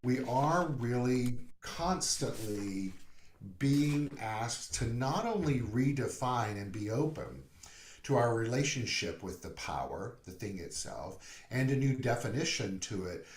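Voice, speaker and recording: A man speaking as a minister in a conversational sermon, playful and animated, acting out little asides. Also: mid-range voice, slow. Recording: roomy echo.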